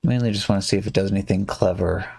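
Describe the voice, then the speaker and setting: A man's voice: deep voice, fast. A man streaming a card game live, chatting casually, humming and muttering to himself as he plays. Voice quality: gravelly, relaxed, hums and mutters while playing.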